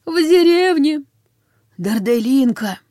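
A woman voicing a revived corpse of a hateful male villager, with a hoarse, wheezing rasp and short, broken, accusing phrases. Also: high voice, lively intonation, takes it slowly, mellow, no room sound, studio quality, voice pushed up. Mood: strained rasp.

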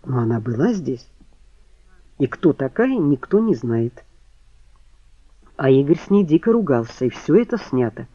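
A man voicing a brisk, sarcastic young widow in an audiobook, raised pitch and mocking retorts. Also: sing-song, warm tone, no room sound, highs cut off.

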